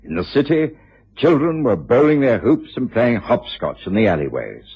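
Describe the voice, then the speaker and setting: An actor playing a genial, kindly middle-aged English doctor in a radio drama, with a British accent. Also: male voice, medium pitch, big pitch swings, moderate pace, husky. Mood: warm, nostalgic. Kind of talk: radio drama acting and narration. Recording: muffled, hazy old radio drama recording.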